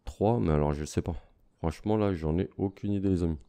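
Deep-voiced gamer chatting. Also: male voice, a little fast, dark tone. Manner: chatty, talks to viewers and taunts enemies. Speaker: gaming youtuber. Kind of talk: casual let's-play commentary.

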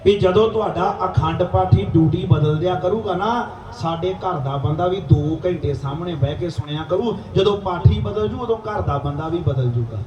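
A man, preaching and telling a religious story in an animated way that slips into the voices of the people in it. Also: high voice, far from the mic. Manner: animated, preachy, plays quoted characters. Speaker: dhadi preacher. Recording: echoey live stage, heard from afar, faint ambience.

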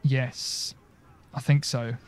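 A man's voice: medium pitch, level tone, drawn-out words, a little mellow. A young man commentating live over a racing game, chatty and bantering with the game voices. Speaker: gaming streamer.

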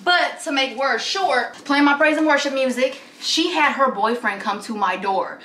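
A woman's voice: high voice, normal speed, fairly bright tone, a little hiss or hum. A young woman chatting animatedly through a home vlog in her apartment, often laughing, filmed by a camera at a distance. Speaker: lifestyle vlogger. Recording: roomy echo, away from the mic.

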